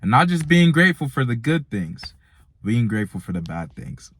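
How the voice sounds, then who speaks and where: In a mid-range voice with a breathy edge, this nineteen-year-old speaks very animatedly at normal speed. He is a motivational vlogger with an American accent who was born in Nigeria and grew up in America from age four, and he uses slang, speaking directly to young men as "bro" and "man."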